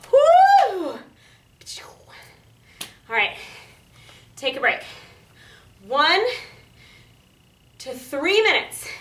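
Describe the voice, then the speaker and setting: High, bright-voiced woman fitness coach, far off. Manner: peppy, encouraging, casual, calling out cues and counts; exerting herself while talking. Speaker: fitness instructor. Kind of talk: workout instruction, coaching along while exercising. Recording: echoey room, distant microphone.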